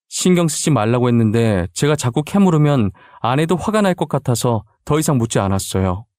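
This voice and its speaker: A man's voice: medium pitch, a little mellow, no echo, clean studio sound. A man telling a first-person story in a conversational, scripted narration.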